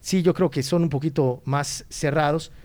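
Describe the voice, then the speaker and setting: A man's voice: fairly high pitch, normal speed. A man with a Mexican accent, a podcast guest chatting casually and animatedly, often acting out what others say, with frequent restarts. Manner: animated storyteller who acts out quoted voices, frequent restarts. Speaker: guest, student exchange organizer. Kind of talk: casual conversation.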